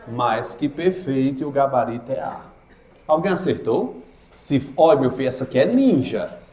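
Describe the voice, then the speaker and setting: Lively teacher in an echoey classroom. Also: male voice, medium pitch, moderate pace. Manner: lively, asks the class questions and answers them himself. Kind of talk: exam prep grammar lesson to a live class.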